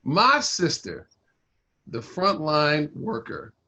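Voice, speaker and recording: A man playing a facilitator who leads a group talk with calm, encouraging questions in a video-call play. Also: a little high, slow, slight background noise. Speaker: workshop facilitator on race.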